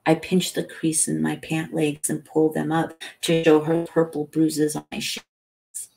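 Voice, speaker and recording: Lady reading a bedtime story, low husky voice, calm and soothing. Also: faint music behind, poor audio. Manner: slow, calm, soothing delivery. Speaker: audiobook reader. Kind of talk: soft bedtime novel reading.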